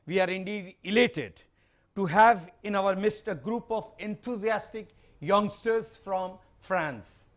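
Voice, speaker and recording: A man's voice: sits high, slow. A man hosting a TV studio panel, formal and hesitant with frequent fillers. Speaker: TV host.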